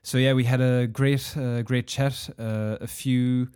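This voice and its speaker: A man's voice: mid-range voice, little pitch movement, measured pace, a little mellow, clean tone, dry recording, studio quality. A man hosting a podcast, talking casually with many filler words, getting over a heavy cold. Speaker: podcast host.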